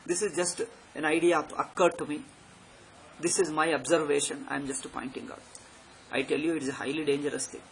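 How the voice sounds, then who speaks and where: Speaking off the cuff on spiritual matters, a South Indian-accented man urges his audience forcefully, repeating himself and tacking on brief tag questions. His pitch is fairly high and steady, his voice gravelly and a bit bright, and he talks a little fast on a low-quality recording with background noise.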